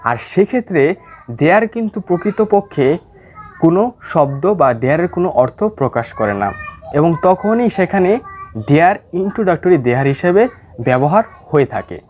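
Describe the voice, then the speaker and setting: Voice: mid-range voice, lively intonation, darkish tone, slight background noise. Bengali tutor explaining English grammar. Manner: slow explanatory pace when reading English examples.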